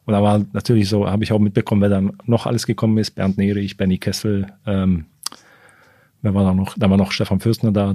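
A man with a low, gravelly voice that is dark and slightly husky tells career stories as a guest in a studio interview. He rambles with many fillers and restarts, acting out past conversations in direct quotes. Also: dry recording. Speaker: guest, retired football goalkeeper. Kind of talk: casual interview storytelling. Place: podcast recording studio.

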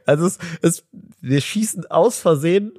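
Lockerer Mann mit trockenem Klang. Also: male voice, on the high side, animated, moderate pace, darkish tone, dry recording, studio quality. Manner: jokey, laughs often, reads headlines aloud. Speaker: podcast co-host. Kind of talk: casual podcast chat.

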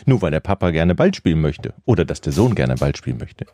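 A man co-hosting casual banter with friends, calm and questioning, offering other points of view. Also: very deep voice, fast talker, no echo. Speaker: podcast co-host.

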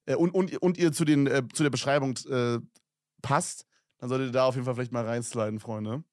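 A man's voice: medium pitch, fairly even intonation, brisk, no room sound, studio quality. A young man co-hosting a casual podcast, reading listener messages aloud with slang and laughs. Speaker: podcast co-host.

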